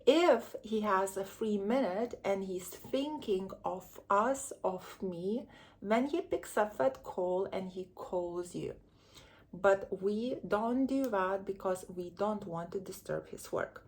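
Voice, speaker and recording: Slow-talking woman coach. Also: medium pitch, a little mellow. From Lithuania. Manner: earnest, chatty, candid with personal stories. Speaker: relationship coach. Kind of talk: direct-to-camera advice vlog.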